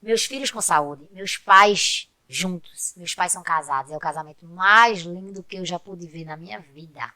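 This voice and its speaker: A woman's voice: on the low side, normal speed, few pauses, bright, forceful tone, no room sound. A woman, a podcast guest telling heartfelt personal stories in a casual chat and often turning to speak to the listeners. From Pernambuco, Brazil.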